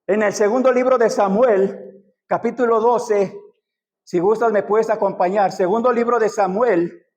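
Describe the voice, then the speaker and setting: A man's voice: high voice, steady tone, measured pace, a little mellow. A man with a Mexican Spanish accent, a pastor preaching a sermon full of rhetorical questions, recorded in a church hall.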